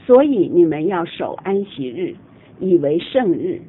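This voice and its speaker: A woman reading a Bible chapter aloud in a measured, solemn way. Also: big pitch swings, slightly rough. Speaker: scripture reader. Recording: tinny phone-like audio with faint rumble.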